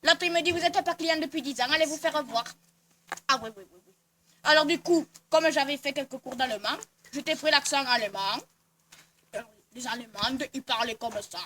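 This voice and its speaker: A woman's voice: high-pitched, moderate pace, a bit bright, far from the mic, slight background noise. A woman playing a muddled, brash traveler in a comedy sketch, rambling on and repeating herself. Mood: boastful. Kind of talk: amateur comedy sketch acting.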